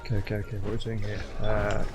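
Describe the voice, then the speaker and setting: A man's voice: lowish voice, monotone, rapid-fire, over loud music. A man streaming a game with casual, rambling commentary, muttering his reactions as he plays. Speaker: gaming streamer.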